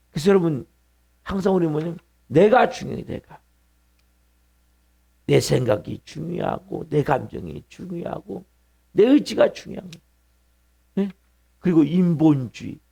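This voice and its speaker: A middle-aged male pastor delivers an early-morning sermon in a church sanctuary. His voice sits slightly high for a man and carries a gravelly edge. He drives home points by repeating words and asking the congregation questions. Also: darkish tone. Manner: preaching with emphatic repetition and questions to the congregation.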